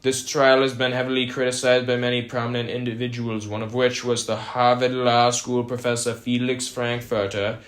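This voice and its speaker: A young man co-hosts an amateur mock radio broadcast set in the 1920s, reading scripted news. His medium-pitched voice barely moves in pitch, and his delivery is measured, stiff, and formal.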